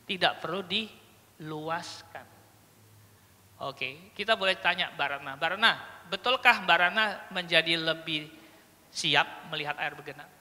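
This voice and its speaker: A trainer giving a lively workshop lecture to a room of teachers, with a bright, sharp voice. They keep slipping into little acted exchanges between a teacher and a crying child, then check that everyone follows. The voice rings out with a long reverb through a large indoor hall. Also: mid-range voice, measured pace, long pauses. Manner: lively, acts out short child and teacher dialogues, often checks understanding.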